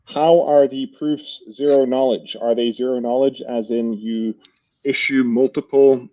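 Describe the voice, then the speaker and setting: Man, mid pitch, rambling hesitant question, dull lo-fi audio. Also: warm tone. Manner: rambling, unsure, trails off. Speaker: audience member asking a question. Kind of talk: casual question.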